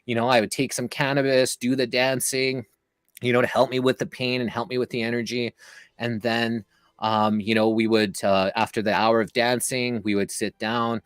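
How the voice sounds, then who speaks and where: A man's voice: mid-range voice, flat delivery, normal speed, clear, resonant tone, no room sound. A man telling a long story as an interview guest, casual and rambling, with many fillers and restarts.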